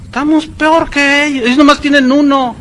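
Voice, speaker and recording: A man preaching a sermon as a pastor, with sarcastic asides and quick mimicking voices. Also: very high-pitched, fairly even intonation, a bit bright, rough recording.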